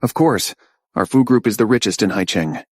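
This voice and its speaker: A man's voice: fairly low pitch, moderate pace, a little mellow, slightly rough, no room sound. A man dubbing a smug young man posing as a CEO, fawning over his fiancée, recorded dry in a studio. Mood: smarmy. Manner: smug, smarmy. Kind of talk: English drama dub.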